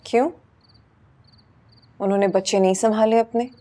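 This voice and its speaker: A woman's voice: medium pitch, fairly even intonation, normal speed, mellow, lightly acted. An actress playing a young working wife who argues firmly with her husband. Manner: firm, tired, pushes back. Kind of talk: TV drama acting.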